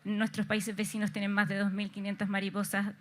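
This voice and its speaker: A woman with a Chilean accent giving a lively festival talk to an audience, throwing rhetorical questions at listeners. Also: medium pitch, brisk. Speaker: entomologist speaker. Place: festival stage before an audience.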